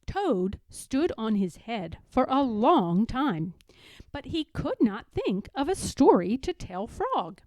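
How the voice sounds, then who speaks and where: A woman narrates a children's storybook in a measured, expressive way. Her voice is fairly high and very varied in pitch, with a mellow tone and an unhurried pace. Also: dry recording. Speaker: storybook reader. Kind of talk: scripted children's story narration, read aloud.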